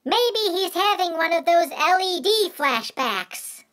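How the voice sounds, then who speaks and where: A man putting on a squeaky childlike voice to make mocking wisecracks. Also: very animated, slow pace, exaggerated voice. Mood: cheeky.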